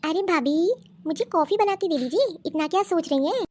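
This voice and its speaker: A woman voicing a scheming, bossy young sister-in-law in an animated cartoon story, coaxing and ordering others about. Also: very high voice, brisk, a little hiss or hum.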